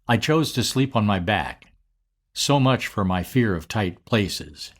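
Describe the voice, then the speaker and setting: An older man narrating a personal memory in a slow, deliberate storytelling manner. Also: on the low side.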